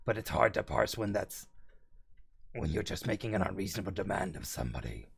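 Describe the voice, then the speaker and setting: A man's voice: very animated, a little fast, exaggerated voice. A male streamer talking in a demonic voice, with stiff, formal wording. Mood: stiffly formal. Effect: demonic voice, deep and gravelly. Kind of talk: casual live-stream chat.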